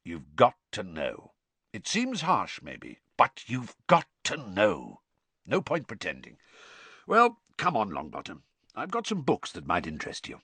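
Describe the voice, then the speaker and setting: A man's voice: lowish voice, huge pitch swings, a little slow, pushed and bright, breathy edge, no room sound, heavily acted. A man voicing a stern, intense old battle-scarred professor with a growl and an emphatic lecturing manner in an audiobook. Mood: gruffly gentle.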